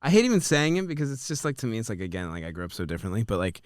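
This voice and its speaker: A man's voice: lowish voice, big pitch swings, racing, dry recording, studio quality. A man in his twenties hosting a podcast, chatting casually and rambling with lots of fillers and swearing. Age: 20s. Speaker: podcast host.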